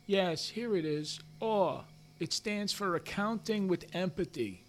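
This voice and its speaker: A man's voice: sits high, measured pace, slight background noise. An actor playing a gossipy, defensive middle-aged office man who hedges his answers and drops his voice for asides. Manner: hedging, self-justifying, drops voice for asides.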